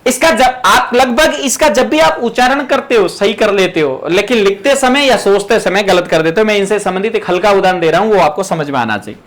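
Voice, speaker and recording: A man with a high, light voice gives an exam prep lecture from Rajasthan. He drills each rule again and again and talks directly to his students, step by step. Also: animated, brisk, hardly any pauses, a bit bright. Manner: emphatic, repetitive drilling of rules. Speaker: teacher.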